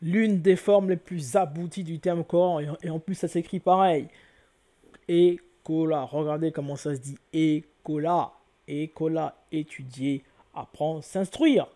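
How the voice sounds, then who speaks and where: A man's voice: a little high, moderate pace, dark tone. A man giving an explanatory lecture to viewers, spelling out letters one by one and often correcting himself. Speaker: lecturer on word origins.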